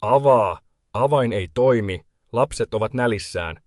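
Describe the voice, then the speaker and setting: A man voicing a desperate adult son who shouts and pleads at his mother. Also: mid-range voice, animated, dry recording, studio quality, natural voice. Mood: pleading. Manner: pleading, loud.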